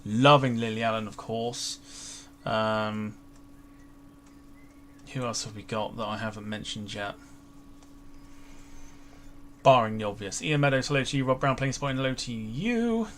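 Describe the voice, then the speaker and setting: A man's voice: mid-range voice, a little slow, pauses often. A man hosting a flight sim livestream in casual, informal chat, talking to his viewers. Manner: chatty, informal, greeting viewers by name. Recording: livestream with clear background noise.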